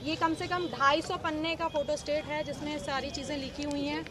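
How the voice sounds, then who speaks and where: A woman's voice: sits high, fairly even intonation, brisk. A woman in her thirties, a local politician, speaking emphatically and accusingly to reporters outdoors on a city street. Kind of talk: street press interview.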